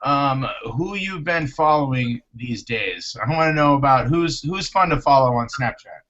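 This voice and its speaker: A man's voice: medium pitch, moderate pace, a bit bright, lo-fi sound. A man hosting a casual live chat show, playful and jokey, calling out his guests by name. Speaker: host.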